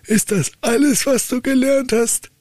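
A man voicing an old count, an angry father who scolds his son in a high, strained voice. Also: measured pace, dry recording, clean studio sound. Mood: furious. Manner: shouting in high strained outrage.

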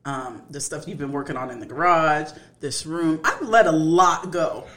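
A woman co-hosting a casual podcast chat, animated, laughing often and acting out what others say. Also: deep voice, moderate pace. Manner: animated, laughs often, acts out quoted voices. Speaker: podcast co-host.

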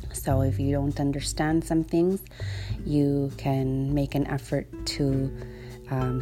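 A woman with an Inuit accent from Nunavut, raised speaking Inuktitut, talks informally as a podcast host. Her voice sits low and stays fairly flat in melody. She feels her way through sentences with hesitant pauses, while guitar music plays clearly behind her. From Iqaluit, Nunavut, Canada. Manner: hesitant, halting, thinking aloud. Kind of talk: informal solo podcast introduction.

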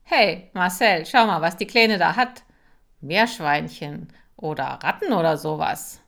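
A woman voicing a loud, crude teenage bully boy. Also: on the low side, animated, unhurried, vocal fry, exaggerated voice. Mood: boastful. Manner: loud, boastful.

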